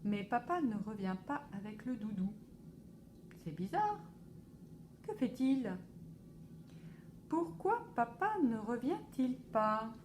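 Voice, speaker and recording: Une femme lit à voix haute un album pour enfants, lentement et avec beaucoup d'expression. Sa voix est assez aiguë, avec un léger bruit de fond dans l'enregistrement. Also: female voice, fairly high pitch, slight background noise. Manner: slow, expressive storytelling. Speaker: library storyteller. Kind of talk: children's book read aloud.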